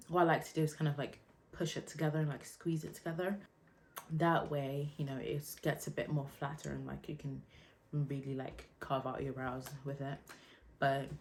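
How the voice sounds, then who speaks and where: A young woman chatting casually through a makeup tutorial, relaxed and loose, with lots of fillers. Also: sits low, slight background noise. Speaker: beauty vlogger.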